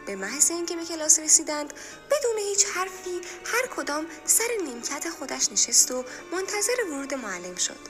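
A woman narrates a story with expressive delivery. Her high voice moves widely in pitch, and clear music plays underneath.

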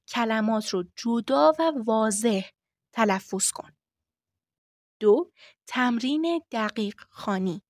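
A woman with a fairly high voice teaches voice technique in a clear, instructive podcast style, going point by point. The recording is dry and close, with no room sound. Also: no room sound. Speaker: voice-acting teacher. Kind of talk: podcast lesson.

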